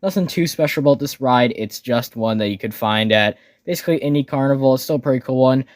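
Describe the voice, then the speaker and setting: A man's voice: medium pitch, fast, no room sound, clean studio sound. A man narrating a casual, enthusiastic voice-over commentary about amusement park rides in an informal way.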